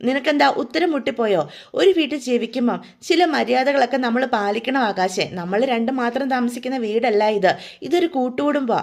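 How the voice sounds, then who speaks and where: Woman doing a young wife scolding, firm lecturing tone, high gravelly voice. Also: brisk. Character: young wife, scolding her drunk husband.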